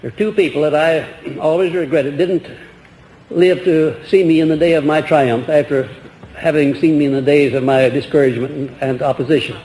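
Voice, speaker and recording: An older man's voice comes from an old archival lecture recording, pitched a bit high for a man. The room rings with echo and a faint hiss sits underneath. He talks earnestly, rambling with restarts and rhetorical questions to his audience. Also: steady tone, moderate pace, a little mellow.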